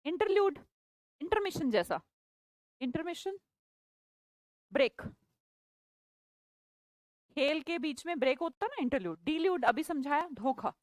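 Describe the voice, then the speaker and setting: Woman teacher, high voice, playful and chatty, dry close sound. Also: very animated, a little slow, pauses often, no echo. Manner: chatty, playful, teasing students by name. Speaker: English vocabulary teacher. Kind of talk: live online class, teaching in Hindi.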